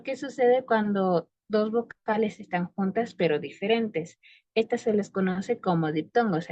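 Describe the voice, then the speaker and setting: A woman's voice: medium pitch, no echo, lo-fi sound. A woman student giving a class presentation, explaining her points with spoken examples.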